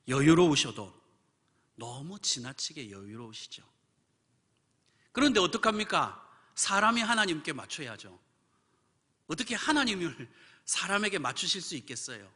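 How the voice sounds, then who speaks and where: Male pastor preaching, high bright voice, lots of whispers and big loud buildups, long church reverb. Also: very animated, moderate pace, pauses often, slightly rough. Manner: dramatic, with acted quotes, sudden whispers and loud build-ups. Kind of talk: sermon. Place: church sanctuary.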